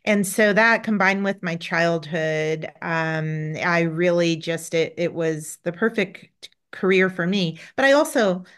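A middle-aged woman with a fairly low voice, chatting as an interview guest. She tells animal stories with many restarts and false starts. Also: takes it slowly, a bit bright. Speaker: veterinarian and author, interview guest. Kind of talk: casual interview conversation.

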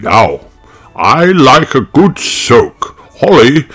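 Man doing a jolly, drawn-out old Santa Claus. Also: mid-range voice, very animated, fairly bright tone, husky, faint music behind, pitched above the performer's own voice, heavily acted. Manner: hearty, deliberate, drawn-out delivery.

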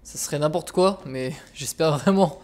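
A man's voice: a little high, moderate pace, darkish tone. Male gamer for let's play narration: sweary, exasperated, conversational, with slight background noise from game ambience. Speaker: let's player. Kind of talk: casual gaming commentary.

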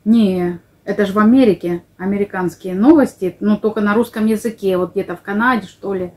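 A woman's voice: medium pitch, a little fast, dark tone. A middle-aged woman hosting a vlog, chatting casually with a friend in a jokey, colloquial way. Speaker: vlog host. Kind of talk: casual chat with a close friend. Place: small wood-panelled living room, indoors. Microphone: camera across the table.

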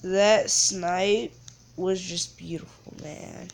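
A woman's voice: on the low side, fairly even intonation, drawn-out words, gravelly, a little hiss or hum. A woman streaming a shooting game, giving slangy casual commentary broken up by gasps and squeals.

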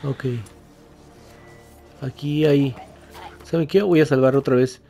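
A man's voice: a little high, fairly even intonation, a little slow, vocal fry, mellow, soft background music. A man, casually commenting as he plays a game, yelping and swearing when startled. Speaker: let's play host.

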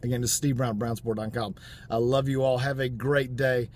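A man's voice: medium pitch, level tone, brisk, darkish tone, slight background noise. Upbeat man giving a pep talk from a car. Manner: upbeat, pep-talk delivery with frequent fillers. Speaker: vlogger. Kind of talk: motivational talk to camera. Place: inside a parked car. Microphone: camera mounted on the dashboard.

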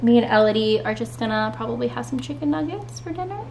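A woman's voice: fairly high pitch, expressive, quick pace, gravelly, darkish tone, slight background noise. A young woman, a stay-at-home mom, chatting casually to camera at home in a bubbly way, with lots of fillers. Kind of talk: casual vlog chat to camera. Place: family home.

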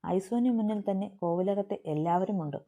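Malayali lady narrating a story, really dark mellow voice, even and steady. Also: medium pitch, fairly quick. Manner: reads all parts in one steady voice.

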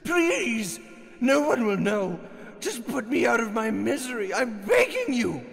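A bitter, worn-out old male hedgehog from a fan audio drama, played by a man. His voice sits high and swings widely, tired and drawn-out yet ready to tip into desperate pleading. A long reverb trails each line. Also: very animated, fairly bright tone, full character voice. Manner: weary, drawn-out delivery turning to pleading.

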